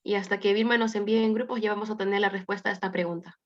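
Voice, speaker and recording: Woman, interpreter, brisk, clear, mid pitch, muffled lo-fi call audio. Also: steady tone. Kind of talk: consecutive interpreting into Spanish. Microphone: video call.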